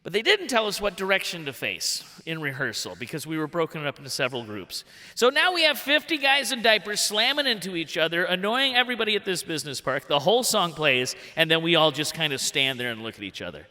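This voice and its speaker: A man in his forties telling a funny true story on stage, in an animated way that jumps into big voices for the quotes. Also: on the high side, fast. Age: 40s. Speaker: workshop storyteller. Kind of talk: live comic personal storytelling. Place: stage in a theatre hall. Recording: long hall reverb.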